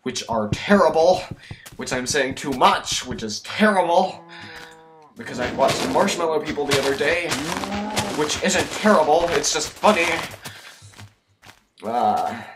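A teenage boy from the United States, tired and sick, rambling through self-mocking gameplay commentary with sudden loud outbursts. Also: fairly high pitch, animated, measured pace, long pauses. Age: teens. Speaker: let's play gamer. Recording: noisy home recording.

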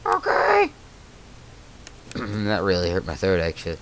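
Lowish-voiced man narrating gameplay. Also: moderate pace, fairly bright tone, slight background noise. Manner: thinks aloud, nervous exclamations. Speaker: gaming channel host. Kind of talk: let's play commentary.

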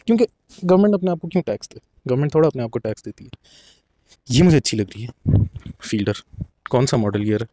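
A man's voice: medium pitch, lively intonation, fast talker, pauses often, warm tone, no echo. A young man walking through an outdoor car lot, chatting as he explains things to the camera, with English phrases mixed in. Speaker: vlogger. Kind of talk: casual walk-through commentary.

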